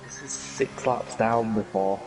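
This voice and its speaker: A man's voice: lowish voice, unhurried, darkish tone, soft background music, poor audio. A man from Yorkshire with a strong Yorkshire accent, co-commentating casually on an online racing league. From Yorkshire, England. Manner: strong regional way of speaking.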